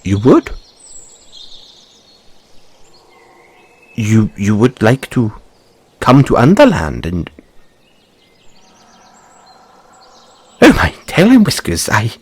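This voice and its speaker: Guy doing a fussy curious rabbit boy for fantasy roleplay, super swoopy pitch, husky, polite and stammery. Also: wildly swooping pitch, unhurried, no echo, full character voice. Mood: flustered, excited. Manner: flustered stammering, ornate courteous phrasing. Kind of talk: audio roleplay addressed to the listener.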